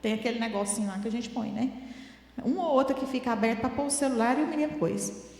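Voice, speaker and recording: High-voiced woman in an echoey hall. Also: fast, darkish tone. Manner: chatty, laughing, tells home stories. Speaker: parenting talk speaker.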